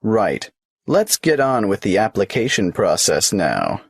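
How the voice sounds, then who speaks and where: A man's voice: on the low side, very animated, unhurried, creaky, husky, no room sound, clean studio sound, full character voice. An actor playing a polite, businesslike male tax office clerk who asks questions in a scripted exam dialogue.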